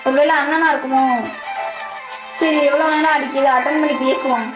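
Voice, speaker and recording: A woman's voice: sits high, steady tone, moderate pace, roomy sound, over music, close to an everyday voice, poor audio. A woman playing a young woman who snaps at her boyfriend and worries about her brother. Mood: irritated. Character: young woman, fiery and anxious. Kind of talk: amateur short-film acting.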